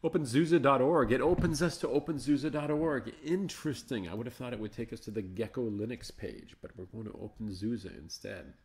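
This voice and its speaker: Hosting a live Linux show, a medium-pitched man chats casually and thinks aloud while installing and exploring software, coaxing slow programs along in relaxed screencast commentary.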